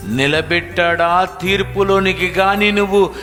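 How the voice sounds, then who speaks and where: Man preaching a sermon, fairly high voice, long reverb of a hall, faint music behind. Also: fairly even intonation, a little slow. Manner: emotional, rhetorical questions, swings between hushed and raised. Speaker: pastor.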